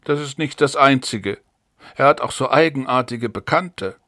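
A man's voice: mid-range voice, normal speed, pushed and bright, dry recording, clean studio sound, natural voice. A man reading the part of an earnest, trusting young woman in an audiobook, in a pleading tone.

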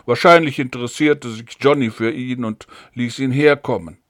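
A man reading the part of a calm, guarded police officer in an audiobook, measured in tone. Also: medium pitch, no room sound, studio quality, natural voice.

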